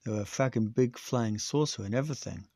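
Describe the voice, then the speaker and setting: A man voicing an excitable, boastful schoolboy who eagerly tells news to his friends. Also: medium pitch, brisk, no room sound, studio quality, natural voice. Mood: excited.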